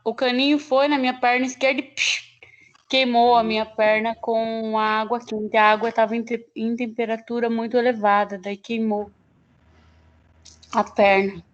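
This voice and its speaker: A woman student recounting a workplace accident in an online class, rambling and animated with many restarts, heard over a video call. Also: on the high side, normal speed, lo-fi sound. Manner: animated, rambling storyteller with frequent laughs and restarts. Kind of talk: telling a story in an online class.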